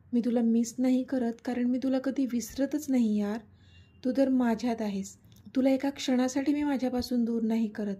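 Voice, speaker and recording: A woman's voice: on the high side, warm tone, slightly rough. A woman reading a romantic serial story aloud, speaking every character's lines in her own voice. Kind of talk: scripted story narration with voiced dialogue.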